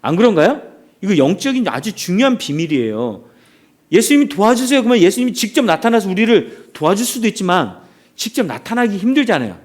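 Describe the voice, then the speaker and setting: A man's voice: sits high, very animated, fast talker. A man preaching a sermon as a pastor, telling stories with animation and throwing questions out to the congregation.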